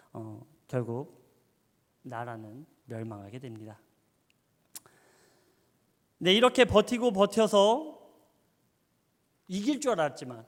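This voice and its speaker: A man preaching a sermon, telling a story with animation and quizzing his audience. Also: high voice. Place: church. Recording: long church hall reverb.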